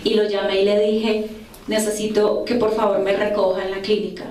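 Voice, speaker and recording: A woman's voice: mid-range voice, flat delivery, a little mellow, slight background noise. Woman giving testimony in an echoey room. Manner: earnest, confessional, with pauses and restarts. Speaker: prayer group speaker. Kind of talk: religious talk with personal testimony. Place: church group meeting room. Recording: echoey room, mic far off.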